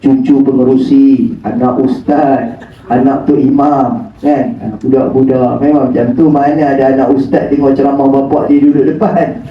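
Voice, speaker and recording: A man's voice: medium pitch, little pitch movement, moderate pace. Male preacher in an echoey hall. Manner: joking, teasing, rhetorical questions. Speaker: religious preacher. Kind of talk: humorous religious lecture. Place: prayer hall of a surau. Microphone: phone camera at a distance. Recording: echoey hall from far off, dull phone audio.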